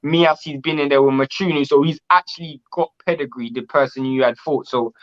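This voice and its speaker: Bright-voiced male boxing interviewer. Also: fairly high pitch, fairly even intonation, a little fast, muffled recording. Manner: rambling, enthusiastic questions with restarts. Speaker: boxing channel host. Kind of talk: casual interview.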